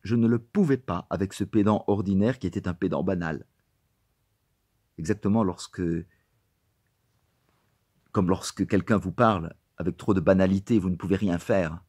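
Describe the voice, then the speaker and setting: A man narrating a novel as an audiobook, with an expressive, animated delivery on a close mic. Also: deep voice, moderate pace, pauses often, husky, no echo. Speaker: audiobook reader.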